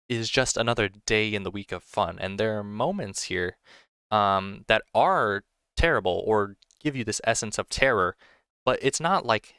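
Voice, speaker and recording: A man's voice: lowish voice, a bit bright, clean tone, no room sound, studio quality. A young man talking casually about a film, enthusiastic and rambling, with frequent restarts and filler phrases. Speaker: film reviewer. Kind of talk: casual film review monologue.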